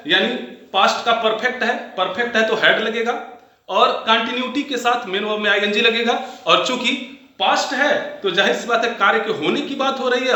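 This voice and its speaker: A man with a high, bright voice teaches a grammar lesson, talking straight to his viewers. He repeats each example patiently and spells out every step. The room around him rings with heavy echo. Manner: explanatory, repeats examples, addresses viewers directly. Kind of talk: Hindi-medium grammar lesson. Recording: very echoey room.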